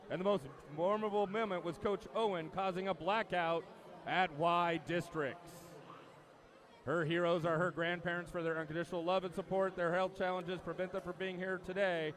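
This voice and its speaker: A man announcing at a swim meet, introducing swimmers in a measured, emphatic way with the odd dry aside. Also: high voice, a bit bright. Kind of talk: public address announcement.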